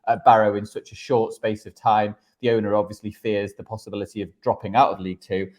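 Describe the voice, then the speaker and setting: A man's voice: lowish voice, level tone, quick pace, a little mellow. A man presenting football betting tips and analysis on a podcast in a conversational style, sometimes hesitant and repeating his words. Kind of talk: conversational sports tipping and analysis.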